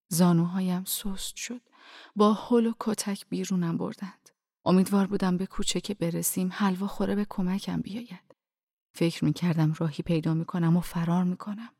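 A woman reads an audiobook in the first person with a low-pitched, soft voice. Her delivery is hushed and often slips into a whisper. The sound is close and dry. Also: gravelly, no echo. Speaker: audiobook narrator.

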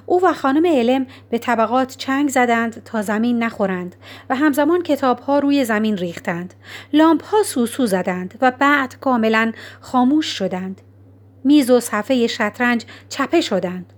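Soft-spoken high-voiced woman narrating. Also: expressive. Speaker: audiobook narrator. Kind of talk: scripted narration.

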